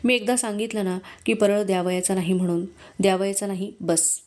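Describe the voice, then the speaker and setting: A woman's voice: mid-range voice, steady tone, fairly quick, a little mellow, lightly acted. A woman reading aloud and voicing a stubborn, spiteful older village man who gives curt commands. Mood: stern.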